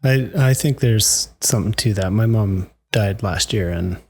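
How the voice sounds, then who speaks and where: Male podcast host, casual talk, soft-spoken, quick agreeing replies. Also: fairly low pitch, slightly rough. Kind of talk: casual interview conversation.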